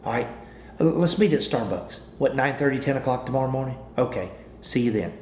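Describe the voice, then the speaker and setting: This American man's medium-pitched voice is expressive, brisk and a little mellow as he leads an informal sales training talk featuring acted example phone calls. He has a folksy, persuasive manner, repeats phrases and restarts, and the audio echoes in a roomy space with faint noise.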